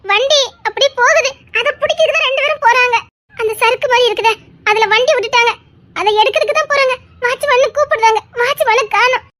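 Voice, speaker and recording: A woman's voice: very high voice, fast, fairly bright tone. A woman reading a dramatic family story, her voice tearful, anxious and wailing.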